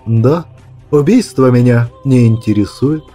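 A man voicing a laconic, stony male monster hunter in an audiobook, speaking quietly, low and curt. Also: a little slow, soft background music, natural voice. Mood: calm. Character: calm, laconic grown male witcher, stony. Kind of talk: audiobook character voice.

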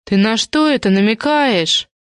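A woman's voice: a little high, animated, dry recording, lightly acted. A woman reading an audiobook and voicing an anxious, stern older woman who manages others. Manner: slow, bewildered then stern.

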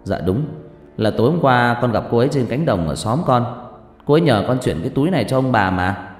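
A man's voice: mid-range voice, expressive, a little fast, natural voice. A man voicing a polite young village man who speaks earnestly and stammers when shaken, recorded in an echoey room with faint music.

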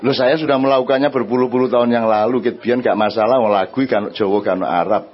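A man with an East Javanese accent speaking to an audience. He answers their questions in a lively, conversational way and often asks them "right?". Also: medium pitch, fast, highs cut off. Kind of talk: religious and social talk before an audience.

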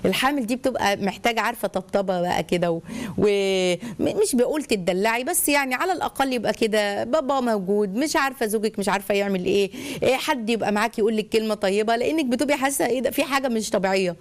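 A middle-aged woman with an Egyptian accent, giving family advice on a live call-in show in an animated way. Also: on the high side, racing. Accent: Egyptian Arabic. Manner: animated, acts out shouting voices in stories. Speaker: family counselor answering viewers.

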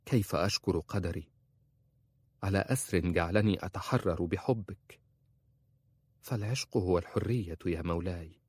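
Brief: male reader doing a clever, devoted young woman, soft and humble, quiet delivery. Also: lowish voice, animated, moderate pace, no room sound, studio quality. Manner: soft, hushed and pleading. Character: young female slave girl, devoted and clever.

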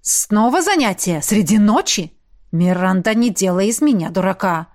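A woman's voice: medium pitch, normal speed, lightly acted. A woman reading the part of a jealous, hot-tempered young male shapeshifter who growls and sneers. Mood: angry.

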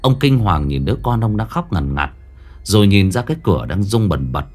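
A man with a low voice narrates a ghost story, drawing out the tense moments with slow, dramatic pacing. His pitch rises and falls in a lively way, and faint music plays underneath.

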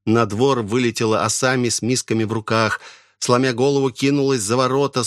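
A man narrating a literary story in the first person, with expressive storytelling. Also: medium pitch, dry recording, studio quality. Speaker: audiobook narrator.

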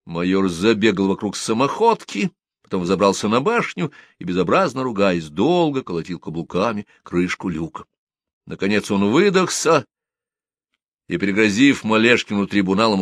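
A man narrates a story in a low voice with lively, wide-ranging intonation. His reading is measured and expressive. The recording is close and dry, with no room echo. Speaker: audiobook narrator.

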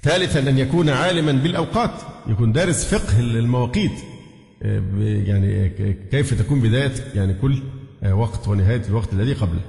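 A man's voice: mid-range voice, fast, vocal fry, a little mellow. A man with an Egyptian accent teaching a lesson on a jurisprudence text. He mixes formal Arabic with colloquial asides, puts questions to his students and chants short phrases to show them. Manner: demonstrates chanted call-to-prayer phrases. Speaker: sheikh teaching a fiqh book. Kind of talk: classroom lesson explaining a text. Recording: echoey hall with long reverb.

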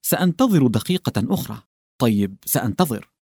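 A man voicing an anxious young peasant wife who talks in hurried, fretful pleas. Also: mid-range voice, very animated, darkish tone, breathy edge, no echo, studio quality.

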